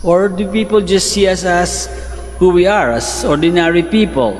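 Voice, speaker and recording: A man's voice: normal speed, faint music behind. An older Filipino man, a priest, giving a conversational homily that mixes English and Tagalog, his voice climbing sharply for emphasis. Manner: conversational, rises in pitch for emphasis and quoted lines. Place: large church, at the altar. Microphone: fixed mic from a medium camera shot. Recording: long church reverb, faint noise.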